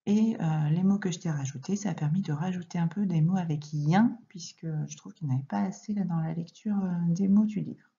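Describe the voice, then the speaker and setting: A woman teaching young children to read, speaking slowly and clearly and addressing the child directly as she dictates. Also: on the low side, warm tone, muffled recording. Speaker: primary school teacher. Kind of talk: recorded reading lesson and dictation for young children.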